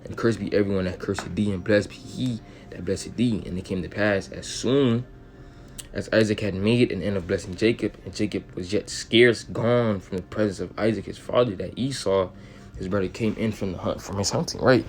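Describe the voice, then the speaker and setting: A man's voice: on the low side, normal speed, slight background noise. A man reading old-fashioned scripture aloud and explaining it in loose, slangy talk with swearing. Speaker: Bible teacher. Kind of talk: casual Bible study reading.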